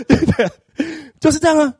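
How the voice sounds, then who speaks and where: A middle-aged man preaching a sermon, acting out little scenes in an animated way. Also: extremely high pitch, no echo, clean studio sound. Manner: animated, acts out scenes with exaggerated crying.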